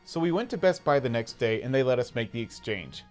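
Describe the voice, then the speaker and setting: American man telling nostalgic stories, mid-pitched. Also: very animated, brisk, soft background music. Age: 30s. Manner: conversational, nostalgic. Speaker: video game YouTuber. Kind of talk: casual personal storytelling voice-over.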